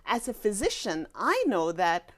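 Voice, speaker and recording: A woman's voice: medium pitch, huge pitch swings, a little slow. Woman doctor in an emphatic interview. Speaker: guest family physician. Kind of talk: conversational broadcast interview.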